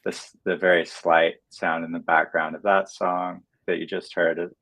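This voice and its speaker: Very deep voiced guy, musician guest on a video call, soft-spoken, lots of ums. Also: flat delivery, moderate pace, low-quality recording. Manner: soft-spoken, hesitant with many fillers. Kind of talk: livestream interview.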